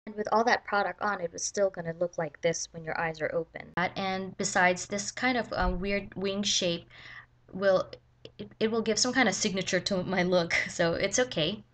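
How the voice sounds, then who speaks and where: A woman's voice: medium pitch, normal speed. Easygoing woman narrating her makeup. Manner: relaxed, hesitant, frequent ums. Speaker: makeup vlogger. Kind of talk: casual voice-over narration.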